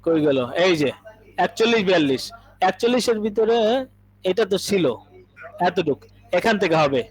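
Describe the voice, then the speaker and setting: A man's voice: high voice, animated, normal speed, husky, low-quality recording. A male Arabic teacher giving an online class lecture, patiently explaining with everyday examples, repeating phrases and often checking whether students understand.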